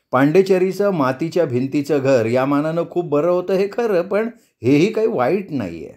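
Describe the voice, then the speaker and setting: A man narrates a novel aloud in a measured, expressive storytelling manner. His voice sits at a middle pitch for a man. He reads as an audiobook narrator.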